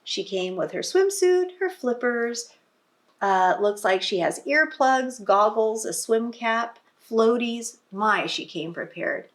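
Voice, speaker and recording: Here a woman with a slightly high, expressive voice takes her time reading a picture book to little children. Like a teacher, she breaks in with asides that explain things and questions that prompt the kids.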